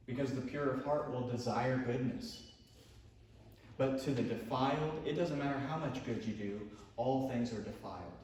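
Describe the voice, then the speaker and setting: Man, pastor, sermon, animated storytelling, middle pitch, very echoey hall, distant mic. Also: a little hiss or hum. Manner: storytelling, animated, shouts for effect. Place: church sanctuary.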